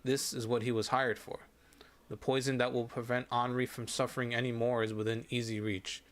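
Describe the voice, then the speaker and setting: A man reading a sad short story aloud from a game, in steady narration. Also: mid-range voice, a little fast. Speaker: streamer reading game stories.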